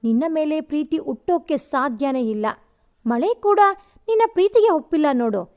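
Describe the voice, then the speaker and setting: A woman's voice: sits high, expressive, normal speed, warm tone. A woman voicing a scheming young male rival who taunts and mocks in an audio story. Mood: taunting. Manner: taunting, mocking.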